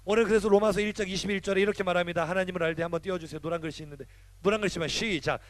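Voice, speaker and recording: High-voiced man preaching to teenagers. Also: steady tone, racing, no echo. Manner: preaches with call-and-response, teasing and scolding. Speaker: youth pastor. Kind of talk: sermon to teenagers.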